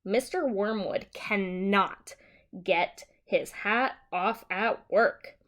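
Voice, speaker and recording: A woman teacher with a mid-range, fairly bright voice reads a simplified children's story aloud. She explains it deliberately and simply for young children.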